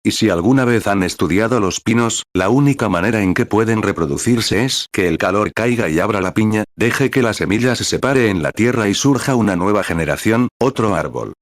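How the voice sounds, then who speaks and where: Guy reading a sermon out loud, low voice, steady even delivery, dry close sound. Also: fairly quick, few pauses, dry recording. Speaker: reader of a translated sermon. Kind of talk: sermon read aloud with paragraph numbers.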